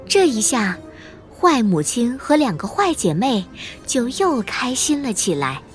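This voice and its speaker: A woman narrating a children's audio story, with slow, expressive storytelling. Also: a little high, soft background music.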